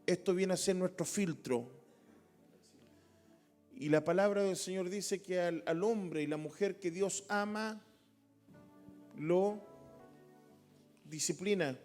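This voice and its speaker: A man's voice: sits high, slow pace, pauses often, darkish tone, soft background music. A man with a Chilean Spanish accent teaching a Bible study, emphatic and rising to impassioned calls.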